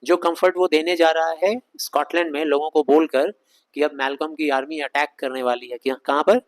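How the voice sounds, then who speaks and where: Indian man teaching Shakespeare, slow reading. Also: fairly high pitch, steady tone, rough recording. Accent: Indian English. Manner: reads English lines slowly, explains them fast in Hindi; conversational, asks rhetorical questions of students. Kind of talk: line-by-line Shakespeare lesson explained in Hindi.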